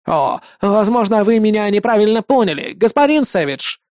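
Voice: mid-range voice, lively intonation, moderate pace, no room sound, studio quality, close to an everyday voice. Reader doing an oily smug mobster. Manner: oily, gloating. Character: smug sly male mobster boss.

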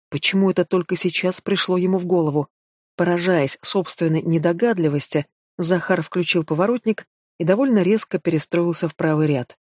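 A man's voice: fairly high pitch, no room sound, studio quality. A man reading an audiobook, narrating steadily and voicing the dialogue himself. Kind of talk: scripted narration with acted dialogue.

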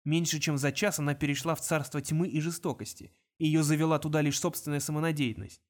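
A man's voice: on the high side, fairly even intonation, fast talker. Man narrating an audiobook. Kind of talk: scripted narration.

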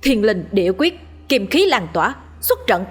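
A woman voicing a brash young male exorcist in a ghost story, talking quickly in a mocking, cheeky way. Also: fairly low pitch, slight background noise, close to an everyday voice. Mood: chanting.

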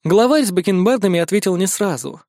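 High-voiced male audiobook narrator. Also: lively intonation, fast talker, darkish tone, no echo, clean studio sound.

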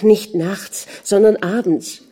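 A woman's voice: mid-range voice, fairly even intonation, slow. A woman reading an audiobook and voicing a worried young mother, a princess, who answers her husband wearily and defensively. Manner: weary, defensive, hushed.

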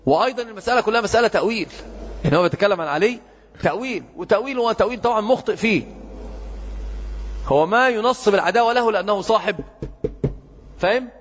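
A man's voice: high voice, lively intonation, racing, long pauses. A man giving a classroom lecture on hadith, often quizzing his students with check questions. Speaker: hadith teacher. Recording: muffled echoey lecture hall.

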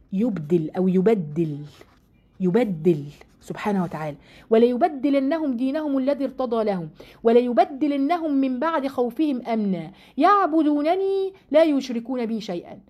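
Egyptian woman, Quran lesson teacher, mellow voice, earnest, stresses words slowly. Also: a little high. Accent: Egyptian Arabic. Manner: earnest, emphatic, repeats key words slowly. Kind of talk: religious lesson to women.

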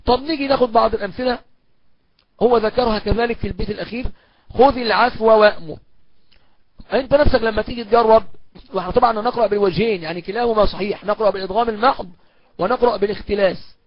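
A man with an Egyptian accent teaching Quran recitation rules. He explains each point step by step in colloquial speech, then chants each example slowly. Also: high voice, dry recording. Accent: Egyptian Arabic. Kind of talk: recorded lesson on recitation rules. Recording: dull, muffled lo-fi recording.

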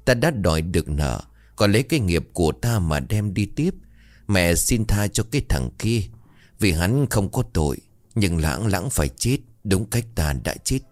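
A man voicing a vengeful old female ghost who speaks coldly and slowly. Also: deep voice, big pitch swings, dry recording. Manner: cold, slow, accusing.

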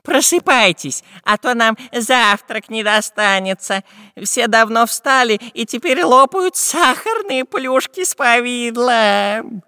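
A man voicing a skinny, greedy, excitable pirate in a storybook tale, with a high squeaky whine and pleading chatter. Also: slow, clear, resonant tone, no echo, clean studio sound, long reverb tail, exaggerated voice. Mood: eager.

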